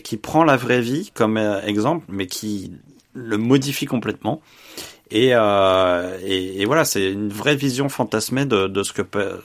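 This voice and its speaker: A man co-hosting a podcast, giving an unscripted, casual review of a TV series and searching for his words as he goes. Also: lowish voice. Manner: unscripted and searching for words, lively when praising.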